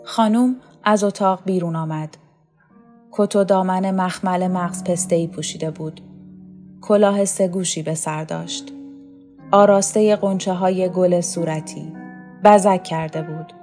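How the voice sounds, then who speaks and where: A woman narrating a story in a calm, measured reading voice. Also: lowish voice. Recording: faint music underneath.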